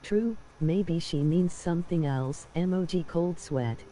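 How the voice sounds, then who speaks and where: A synthetic male text-to-speech voice reads viewer chat messages aloud. It sits a little high but sounds very dark and mellow. It spells out emojis and abbreviations in a flat way. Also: measured pace.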